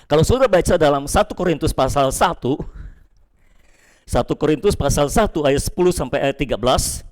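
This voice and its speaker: Man, high voice, church sermon, emphatic, slows on key words, drops low when addressing listeners. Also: lively intonation, a little mellow. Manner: emphatic, with leaps up in pitch and slowed stressed phrases. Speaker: preacher.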